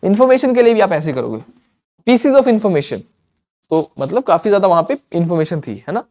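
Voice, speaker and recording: A man gives an exam-prep grammar lesson in a fairly high voice. He explains in Hindi mixed with English, repeats each word and often checks in with "theek hai". He slows right down whenever he reads an English example. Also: very animated, darkish tone. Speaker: English teacher.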